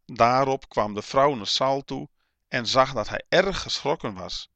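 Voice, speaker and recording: A man reading a Bible passage aloud in a slow, measured, even way. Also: mid-range voice, dry recording. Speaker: Bible reader.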